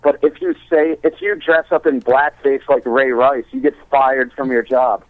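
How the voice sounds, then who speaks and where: A man's voice: mid-range voice, steady tone, normal speed, no room sound. A young man co-hosting a podcast, ranting in crude, profane comedic banter. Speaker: podcast co-host. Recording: tinny phone-like audio.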